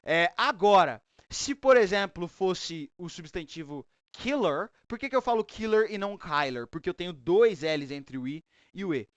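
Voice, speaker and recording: A man's voice: sits high, lively intonation, moderate pace, few pauses, no echo. A man teaching English online, with a Brazilian Portuguese accent, giving encouraging feedback and explaining pronunciation rules in Portuguese and English.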